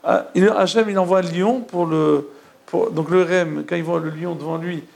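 A man with a high, gravelly voice tells old stories in a loose, spoken way. He stumbles and repeats words, restarts his sentences and turns to ask his listeners if they follow. The telling is casual and unscripted. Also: fairly even intonation, moderate pace, a little mellow. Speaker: storyteller. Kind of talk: casual oral retelling of religious tales.

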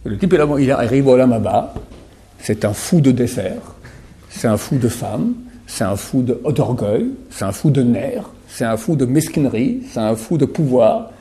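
A man's voice: mid-range voice, expressive, a little slow, dark tone. A middle-aged man teaching a sermon to a small audience, emphatic and repetitive, dropping to murmurs then rising again. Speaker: religious teacher.

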